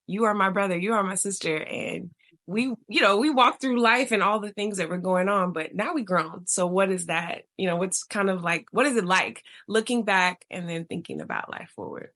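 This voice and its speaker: A playful woman from Texas hosts a podcast over a remote call, tossing in slang and laughing often. Her voice sits in an ordinary middle pitch for a woman, with an easy, relaxed tone. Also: normal speed. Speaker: podcast host. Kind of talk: casual podcast chat.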